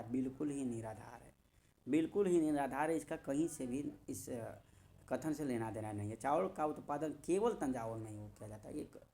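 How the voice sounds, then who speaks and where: A maths and reasoning teacher with a medium-pitched, dark-toned voice runs an informal coaching lesson. Speaking emphatically and directly to his students, he repeats key phrases and answers his own questions.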